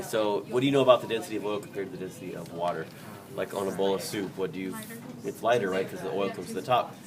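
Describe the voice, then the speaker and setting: Male biology teacher, playful and chatty, quizzing students; distant mic, classroom chatter behind. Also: fairly low pitch. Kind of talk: classroom dissection demonstration.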